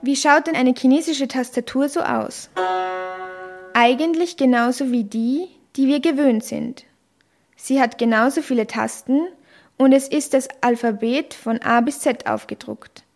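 A woman calmly narrating a scripted lesson, carefully demonstrating sounds. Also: sits high, faint music behind. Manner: slow, careful, demonstrates tones clearly. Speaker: language teacher.

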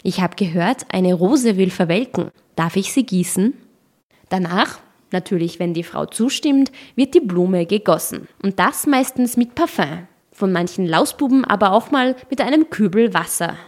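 A woman with a mid-pitched voice narrates a scripted explainer. Her delivery is clear and explanatory, with a light playful touch at the ends of points. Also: lively intonation, moderate pace, a little mellow.

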